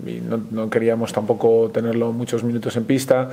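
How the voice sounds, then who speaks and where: Spanish male coach at a presser, flat delivery, mellow and warm, hesitant. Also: medium pitch, creaky, slight background noise. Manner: measured, frequent hesitations and restarts. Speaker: basketball coach. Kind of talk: post-game press conference.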